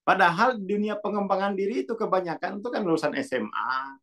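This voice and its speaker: Speaking quickly in Muna, a man with a high, somewhat bright voice reflects casually on consciousness and self-development. His monologue is musing and loose, full of asides and self-corrections.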